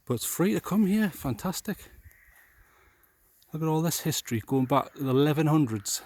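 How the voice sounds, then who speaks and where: A man's voice: on the high side, expressive, normal speed, a little mellow. A middle-aged man giving a chatty, joking walking-tour commentary to the camera he holds, outdoors at a castle ruin. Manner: chatty, jokey, talks to camera. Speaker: vlogger. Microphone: camera held by the speaker.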